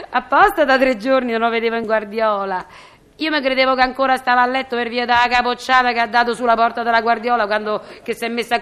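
An actress with a Roman accent playing a nosy, meddling building concierge in a comic phone monologue, chatty and slyly mock-innocent. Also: female voice, on the high side, a bit bright, natural voice. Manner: chatty, sly, mock-innocent stirring of trouble. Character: nosy gossiping Roman concierge woman, middle-aged, meddling.

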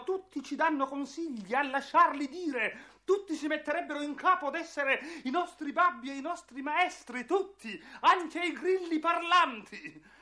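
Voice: high voice, bright, forceful tone. A performer voicing a wooden puppet boy, cheeky and easily frightened, in theatrical radio-drama acting that swings between boasting and panicked pleading.

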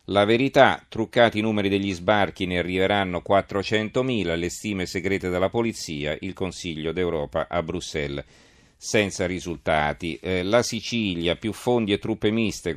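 Low-voiced male radio news host. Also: normal speed, dry recording, clean studio sound. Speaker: radio press-review host. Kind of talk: live news press review, reading headlines with commentary. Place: radio studio.

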